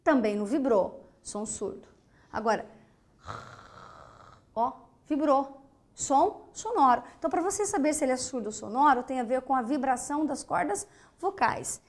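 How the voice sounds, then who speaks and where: A Brazilian woman teaches an online grammar lesson step by step, posing rhetorical questions, checking understanding with short tags, and voicing speech sounds aloud as examples. Her voice is high and animated at a normal speed.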